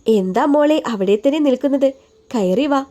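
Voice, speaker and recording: A woman's voice: high voice, animated, moderate pace, dark tone. A woman voicing a caring older woman doctor who fusses over a younger woman like a mother, in an affectionate, coaxing way. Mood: fond, coaxing.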